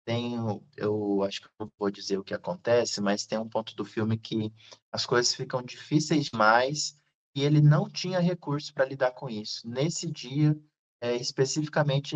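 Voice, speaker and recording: Thoughtful man, dull lo-fi sound. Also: medium pitch. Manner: thoughtful, unhurried, frequent fillers. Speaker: film discussion host. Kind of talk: casual film discussion.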